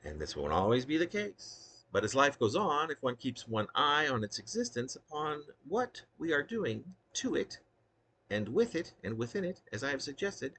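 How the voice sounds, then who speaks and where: On a rough recording, a poet reads his work aloud in an essay-like monologue, wordy, reflective and emphatic, with occasional asides off the script. His medium-pitched, fairly bright voice swings widely in pitch at a moderate pace.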